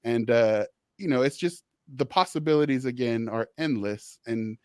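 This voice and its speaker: A man's voice: mid-range voice, moderate pace, darkish tone, dry recording, clean studio sound. A man hosting a social work podcast who talks in a rambling, conversational way, restarting sentences and filling gaps with "you know". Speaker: podcast host, social worker.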